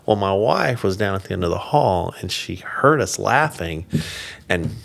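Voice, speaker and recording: A middle-aged man telling a personal story as a podcast guest, animated at times and quiet and slow at the sad parts. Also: low-pitched, creaky. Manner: animated storyteller who drops quiet and slow when recounting loss.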